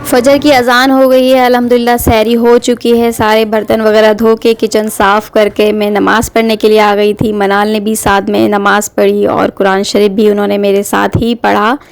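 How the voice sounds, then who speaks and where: A woman in her thirties narrating her family vlog in a calm, even voice-over. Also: mid-range voice, moderate pace, creaky, few pauses, clear, resonant tone. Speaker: family vlogger and mother. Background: soft background music.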